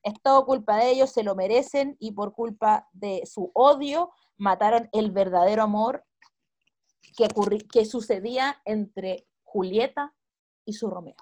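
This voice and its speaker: A woman's voice: mid-range voice, measured pace, a little mellow. A woman chatting casually, joking and adding playful acted lines. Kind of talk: casual chat retelling a story.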